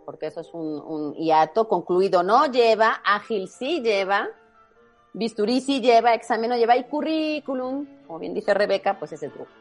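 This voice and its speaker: A woman's voice: mid-range voice, lively intonation, moderate pace, soft background music. A woman from Spain who patiently explains spelling rules step by step in a casual chat. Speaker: spelling quiz guest expert.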